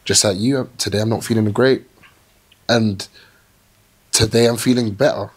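A young man talking as a podcast guest in a small indoor studio, reflective and animated, telling his story with restarts. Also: fairly low pitch, moderate pace, husky. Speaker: plus-size model, podcast guest. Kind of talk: casual interview chat.

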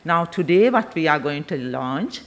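A middle-aged Sri Lankan woman delivers a formal address at a slow, measured pace. Her phrasing is halting, and she speaks through a face mask into podium microphones. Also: low voice, animated. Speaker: medical association president giving a review.

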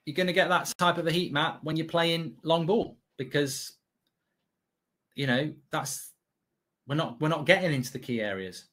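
A man's voice: on the high side, normal speed, fairly bright tone. A middle-aged man hosting a live football watchalong, commenting as a blunt, exasperated, sweary fan. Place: indoor streaming studio.

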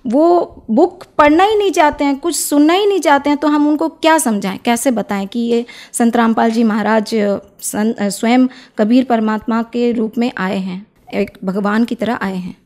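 A young woman speaks as an interview guest, making her case earnestly and persuasively. Her voice sits a little high, and she often pauses on soft filler sounds between phrases. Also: fairly even intonation. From Odisha, India. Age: young adult. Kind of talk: devotional testimony interview.

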